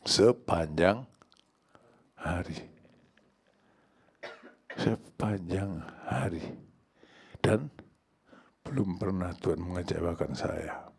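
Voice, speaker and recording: An older Indonesian pastor, preaching a sermon in church, swinging from hushed prayer to loud crying out. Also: male voice, deep voice, very slow, creaky, pauses often, breathy edge.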